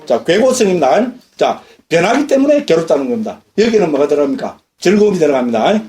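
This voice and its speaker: A middle-aged man, a Buddhist monk, giving a lively dharma lecture and asking his listeners questions. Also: a little high, fast. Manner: lively, questions the audience often. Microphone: lecture recording.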